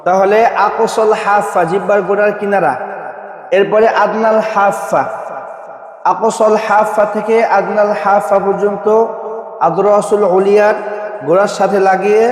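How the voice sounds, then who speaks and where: A man teaching Quran recitation, running a call-and-response pronunciation drill and coaxing his students to answer louder. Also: sits high, level tone, a little slow. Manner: repeats questions and coaxes students to answer louder. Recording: echoey hall.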